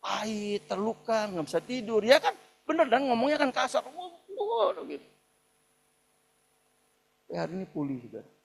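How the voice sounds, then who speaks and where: A male pastor preaching a live church sermon, acting out quoted people and swinging between soft asides and loud, emphatic peaks. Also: very high-pitched, big pitch swings, moderate pace, creaky, pauses often. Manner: acts out quoted people in shouted or pleading voices. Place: church hall, live service.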